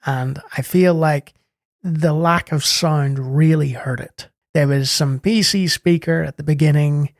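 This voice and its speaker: A man's voice: a little high, measured pace, no echo, studio quality. A man hosting a retro game show, giving casual gameplay commentary in a wry, joking way and reading the game's text aloud.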